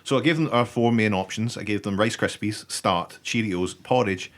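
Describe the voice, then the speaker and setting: A man's voice: lowish voice, moderate pace, a bit bright. A man co-hosting a casual podcast, wry and laid-back, often chuckling. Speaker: podcast co-host.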